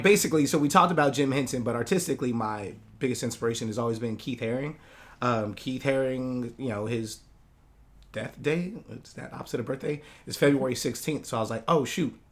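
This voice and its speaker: Man, grew up in Hawaii, guest artist, casual rambling talk, middle pitch. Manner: relaxed, rambling, many fillers. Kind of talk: casual interview chat.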